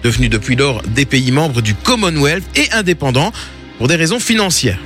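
A man's voice: medium pitch, expressive, normal speed, a bit bright, soft background music. A man presenting a quiz on a radio show, in playful banter with co-hosts.

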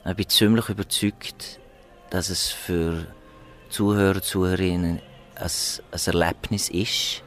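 A man's voice: low-pitched, steady tone, unhurried, soft background music. A man with a Swiss German accent, an arranger and saxophonist, answering interview questions in a thoughtful, hesitant way. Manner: thoughtful, hesitant, many fillers and restarts. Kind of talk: radio interview.

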